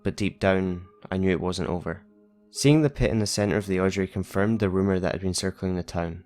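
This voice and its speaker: Low-voiced man narrating horror. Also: a little fast, a little mellow, soft background music. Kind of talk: scripted horror story narration.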